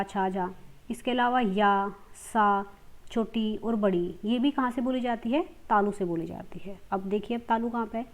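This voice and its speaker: A woman teaching a grammar lesson, sounding out letters slowly and asking questions she then answers herself. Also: medium pitch. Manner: explains step by step, repeats letter sounds slowly, asks and answers her own questions.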